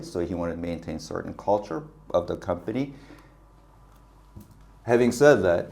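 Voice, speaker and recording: This guest is a business consultant whose voice is very low and gravelly, sharing work stories in a relaxed interview. Lively and quick to laugh, he performs the quoted lines as he goes.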